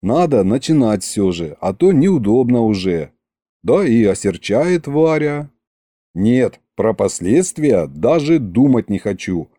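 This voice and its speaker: A man narrating an audiobook in a wry, lively storytelling manner. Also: mid-range voice, takes it slowly, breathy edge, no echo, studio quality. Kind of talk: scripted narration.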